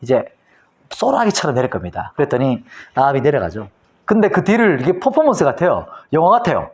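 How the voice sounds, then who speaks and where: A man's voice: a little high, fast talker. A man from Korea, a pastor giving a Bible lecture, who tells the story vividly and acts out the scenes. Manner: animated storytelling, acting out scenes.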